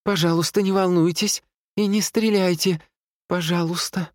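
A man voicing a frightened young woman nurse who pleads in a raised, high voice. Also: fairly even intonation, normal speed, no room sound, studio quality, lightly acted. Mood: pleading.

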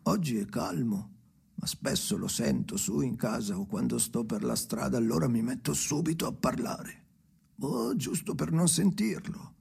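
In a full character voice, mid-range with lively intonation, an actor performs Henry, a restless, haunted man addressing his dead father in an avant-garde radio drama monologue. The gravelly, creaky delivery is brooding and confiding, halting and obsessive, lurching theatrically between murmurs and shouts.

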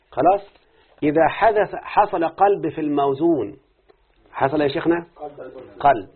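Brief: fast-talking Egyptian sheikh teaching grammar, husky voice, tinny phone-like sound. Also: male voice, on the high side. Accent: Egyptian Arabic. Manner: lively, constantly quizzing students with rhetorical questions. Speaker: teacher of Arabic morphology. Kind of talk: classroom lesson.

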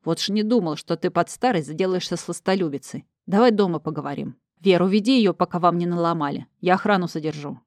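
A woman's voice: fairly low pitch, fast, hardly any pauses, darkish tone, dry recording, studio quality, close to an everyday voice. A woman doing an exasperated grown son.

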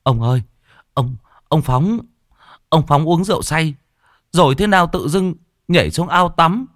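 A man's voice: medium pitch, very animated, a little fast, no echo, clean studio sound, voice pushed up, lightly acted. A man voicing a panicked young man who stammers out bad news, breathless.

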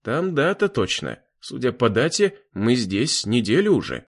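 A man's voice: mid-range voice, big pitch swings, unhurried. A man voicing a cocky young guy who grumbles and speaks cheekily.

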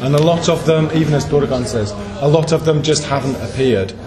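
English man, interpreter, hesitant, lots of ums, slightly high voice, crowd chatter behind. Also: a little fast. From England. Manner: hesitant, thinking aloud with many ums. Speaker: conference interpreter. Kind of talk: group discussion.

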